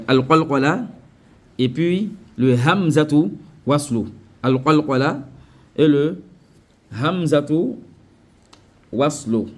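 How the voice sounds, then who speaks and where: West african french guy teaching tajweed, slightly high voice, repeats everything, keeps checking if you follow. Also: darkish tone. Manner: repetitive, drills pronunciations slowly, often checks understanding. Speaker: Quran recitation teacher. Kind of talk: tajweed lesson.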